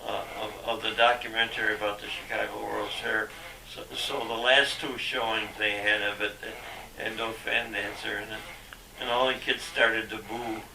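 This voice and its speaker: An older man, a father, reminiscing haltingly with many fillers and restarts, on an old VHS home video recording. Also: lowish voice, flat delivery, gravelly. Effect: old VHS home video sound. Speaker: father being interviewed. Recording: echoey, distant, hissy VHS tape.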